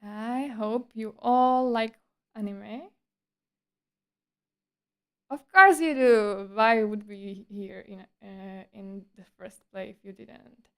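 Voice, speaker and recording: A woman's voice: mid-range voice, level tone, slow pace. A woman streamer chatting casually in a livestream monologue, with a breezy, playful and slightly coy, teasing manner.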